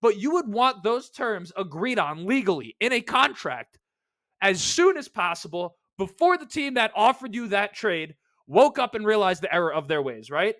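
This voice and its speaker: High-voiced New man, rambling podcast host. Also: big pitch swings, moderate pace, fairly bright tone, no echo. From New York. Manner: rambling, asks rhetorical questions, self-mocking asides. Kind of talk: casual solo sports podcast talk.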